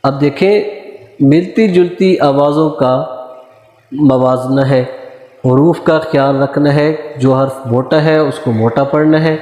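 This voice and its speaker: A man teaching a recorded lesson on reading Arabic script, slowly sounding out letters and short words one at a time. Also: medium pitch, warm tone. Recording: echoey room with long reverb.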